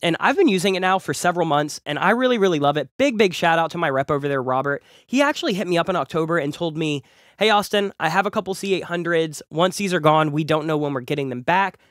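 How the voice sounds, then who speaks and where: Talking fast, this music producer and YouTube host runs through a casual gear review with enthusiasm, chatting and repeating words for emphasis. His voice is a little high, expressive and a bit bright, with a slight cold. Recorded close on a large studio condenser, the sound is studio quality with no room sound.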